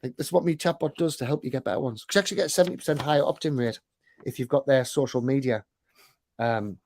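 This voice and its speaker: A man's voice: mid-range voice, quick pace, a little mellow, dry recording. A man, a chatbot developer on a casual live-stream, talking through his work while he types, with loose colloquial asides. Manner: chatty, thinks aloud while typing, colloquial. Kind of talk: casual screen-share chat.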